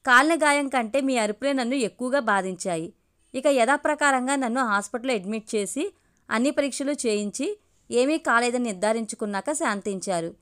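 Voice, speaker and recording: Woman reading a story out loud, calm first-person telling, smooth higher voice. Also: a little fast. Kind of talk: scripted story narration.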